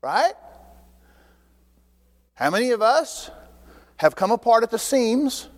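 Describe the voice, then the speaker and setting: High-voiced preaching man, reverberant hall. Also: takes it slowly. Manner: animated, conversational preaching with rhetorical questions. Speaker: pastor. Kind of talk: sermon.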